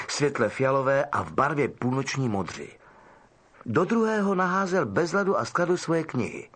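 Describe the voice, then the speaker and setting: A male audiobook narrator reads the story with expressive storytelling. His voice is husky, and his pitch moves lively through each sentence. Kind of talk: scripted narration.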